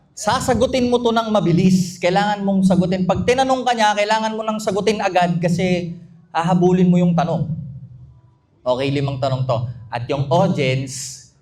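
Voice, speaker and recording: A man hosting a live event, teasing the guest in a playful, drawn-out way. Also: high-pitched, darkish tone. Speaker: event host. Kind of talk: emcee talk mixing Tagalog and English.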